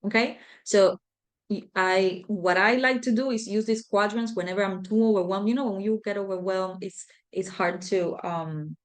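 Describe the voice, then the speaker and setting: Woman trainer, conversational and loose, many fillers, mid-pitched voice. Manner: conversational, filler-heavy, repeats herself. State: out of breath. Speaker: leadership trainer. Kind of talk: live online class.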